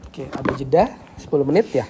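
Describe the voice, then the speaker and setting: A man's voice: a little high, fairly even intonation, fairly quick, background noise. Chatty man leading a classroom devotion. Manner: chatty, conversational, frequent tag questions. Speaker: teacher giving a devotion to students. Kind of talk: casual classroom devotion and prayer.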